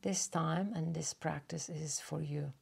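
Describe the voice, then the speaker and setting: A woman with a deep, gravelly, husky voice and fairly even intonation leads a guided yoga nidra relaxation. Her pace is gentle and unhurried, with long pauses.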